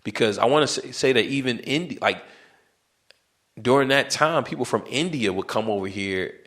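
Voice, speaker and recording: Speaking at medium pitch and normal speed in a slightly bright voice, this American podcast host gives a casual monologue that wanders, full of filler words, slang and restarts.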